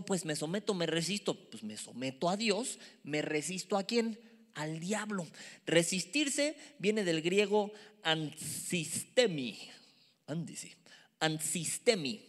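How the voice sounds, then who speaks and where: A man delivers a sermon to young listeners, emphatic and lively, now and then sinking into a hushed whisper. His voice sits a little high, and it rings with the long reverb of a large hall. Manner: animated, emphatic, drops to a whisper for asides. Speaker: youth preacher.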